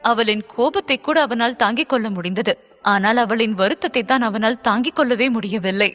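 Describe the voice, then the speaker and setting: A woman narrating a dramatic audiobook in a measured, scripted way. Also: a little high, a bit bright, long reverb tail.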